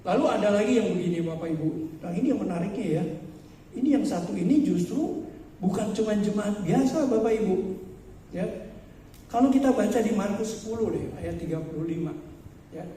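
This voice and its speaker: A male pastor with a high, mellow voice delivers a sermon in a chatty way, turning often to his listeners with questions. The sound bounces around a large hall, and he is picked up from some distance away. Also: animated, fairly quick, slight background noise. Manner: conversational preaching, addressing the congregation directly with rhetorical questions. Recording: echoey church hall, mic far off.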